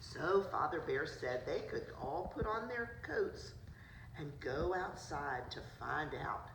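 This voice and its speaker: Reading a picture book to young children, a preschool teacher adds simple asides about the illustrations in a low, slow, sing-song voice. The distant microphone captures a roomy sound and a noisy background.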